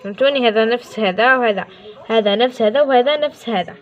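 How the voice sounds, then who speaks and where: A woman's voice: fairly high pitch, fast, lo-fi sound. A woman with an Algerian Arabic accent giving a casual French lesson, often apologizing and correcting herself. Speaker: French teacher.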